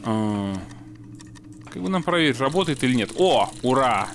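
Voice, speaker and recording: A man's voice: mid-range voice, expressive, normal speed, slight background noise. A man playing a puzzle game with a friend, chatting casually and muttering mild curses as he works things out. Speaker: let's play gamer. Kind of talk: casual co-op gameplay chat.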